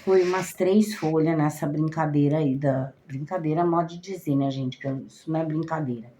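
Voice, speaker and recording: Brazilian woman telling a story, animated. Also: low-pitched, normal speed. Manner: animated, repeats herself, trails off. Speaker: cigana card reader. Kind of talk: casual storytelling to viewers.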